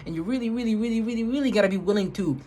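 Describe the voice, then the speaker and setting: A man vlogs a profane spiritual rant to camera, emphatic and rambling, swearing heavily and repeating words for emphasis. He talks very fast in a high-pitched voice with a dark tone.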